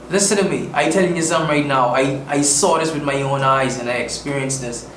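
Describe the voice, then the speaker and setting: A man from the Bahamas with a Bahamian accent, a musician speaking earnestly and emphatically with slang in a casual interview. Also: a little high. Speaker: musician guest. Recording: echoey room, distant mic, faint noise.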